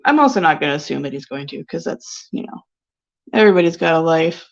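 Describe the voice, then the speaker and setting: A woman's voice: low-pitched, expressive, quick pace, gravelly. A sniffly woman painter chatting casually on a live stream, rambling and giggly with lots of filler words. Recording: dull lo-fi stream audio.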